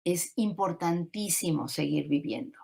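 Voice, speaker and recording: Calm woman with a low voice. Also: unhurried, vocal fry, husky. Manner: calm and reflective, poses rhetorical questions. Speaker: thanatologist and grief counselor. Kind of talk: teaching talk on grief.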